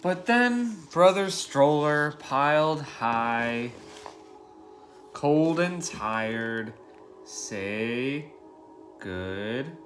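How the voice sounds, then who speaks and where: Reading a picture book to young children at home in the living room, the thirtysomething teacher speaks simply, asking questions and explaining things plainly. He uses a sing-song, medium-pitched voice that's a bit bright and very slow. Faint music sits behind him.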